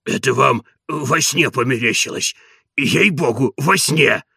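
A man voicing a creaky, gruff old manservant. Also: mid-range voice, unhurried, bright, forceful tone, no echo, clean studio sound, exaggerated voice. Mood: grumbling. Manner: coaxing and scolding, folksy. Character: old grumbling male manservant, stubborn.

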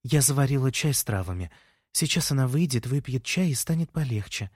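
A man voicing a calm, caring mother who speaks softly and soothingly. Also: medium pitch, a little fast, slightly rough, no room sound, clean studio sound.

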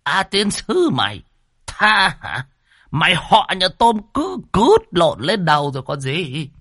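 A man voicing a hot-tempered old martial master who yells curses and threats. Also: sits high, wildly swooping pitch, takes it slowly, no echo, clean studio sound, voice pushed up, exaggerated voice. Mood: furious shouting.

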